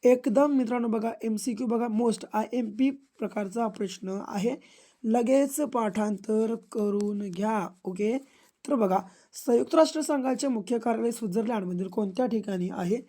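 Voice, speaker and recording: A woman's voice: fairly high pitch, normal speed, warm tone. A woman going through exam questions one by one, drilling the answers and urging listeners to memorize them. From Maharashtra, India. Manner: repetitive, drilling phrases, urges memorizing. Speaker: exam prep teacher.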